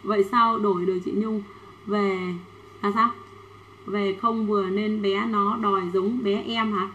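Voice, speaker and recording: Woman hawking kids clothes live, bright sharp voice, echoey room. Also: mid-range voice, level tone, measured pace, lo-fi sound, a little hiss or hum. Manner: chatty, reads out sizes and buyers' names. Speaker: livestream clothing seller. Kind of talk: fast livestream sales pitch.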